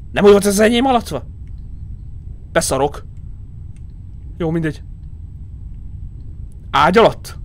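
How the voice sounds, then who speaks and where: A man in his thirties commentating a horror game for his chat, jumpy, swearing and shouting when scared, muttering quietly to calm himself. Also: high voice. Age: 30s. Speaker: streamer.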